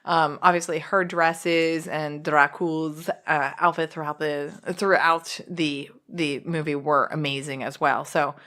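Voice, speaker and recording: A woman co-hosting a casual movie review chat, blunt and animated, often restarting her phrases. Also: deep voice, a little slow, few pauses. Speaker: podcast co-host.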